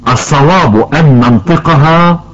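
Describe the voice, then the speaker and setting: A man playing an elderly grandfather who patiently teaches Quran recitation rules to his granddaughter, slowly drawing out example words. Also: on the high side, natural voice. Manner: slow, careful explaining, stretches out example words. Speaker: tajweed teacher. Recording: dull lo-fi recording.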